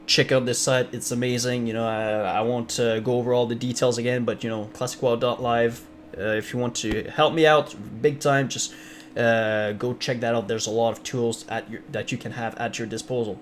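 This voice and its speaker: With a French Canadian accent, a young streamer from Ontario, French being his first language, rambles casually to viewers, restarting often, using many fillers and reading chat aloud. His voice is medium in pitch and level in tone at normal speed. There is slight background noise.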